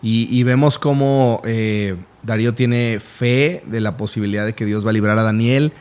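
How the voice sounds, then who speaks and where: A man's voice: fairly low pitch, fairly even intonation, normal speed, a little mellow, smooth. Affirming man explaining scripture. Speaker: podcast co-host. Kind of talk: casual Bible discussion.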